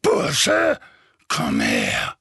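Guy doing a raspy growly bully uncle from an audiobook, loud, swings way up and down. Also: on the high side, very animated, unhurried, no room sound, studio quality, heavily acted. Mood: threatening. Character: blustering, bullying burly middle-aged uncle.

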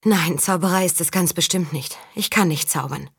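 A woman's voice: fairly low pitch, normal speed, gravelly, a bit bright, breathy edge, no room sound, clean studio sound, exaggerated voice. A woman reading a young woman, a former tightrope performer, guarded and defensive. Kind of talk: audiobook character reading.

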